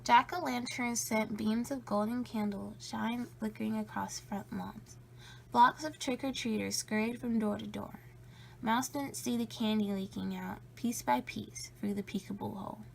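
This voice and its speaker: A woman reading a children's story aloud in a playful, spooky way, with drawn-out emphasis and a creaky edge. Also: on the high side, steady tone, slight background noise, low-quality recording. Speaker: storybook reader.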